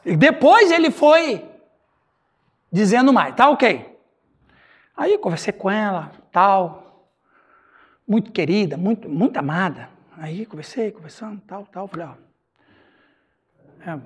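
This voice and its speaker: Animated high-voiced Brazilian pastor. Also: male voice, husky. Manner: animated, laughing, acts out dialogue. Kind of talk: storytelling during a Bible study.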